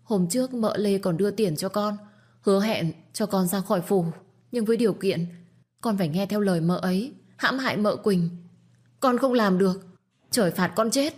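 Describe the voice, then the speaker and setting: A woman's voice: medium pitch, normal speed, a little mellow, husky, pitched above the performer's own voice, natural voice. A woman voicing a frightened young servant girl who pleads tearfully and protests her innocence. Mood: tearful pleading. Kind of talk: storytelling with acted dialogue.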